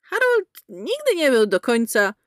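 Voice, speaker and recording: A woman's voice: high voice, huge pitch swings, measured pace, no room sound, clean studio sound, voice pushed up, exaggerated voice. A woman voicing a brash, foul-mouthed woman space pilot who talks in a crude, sarcastic, blunt way.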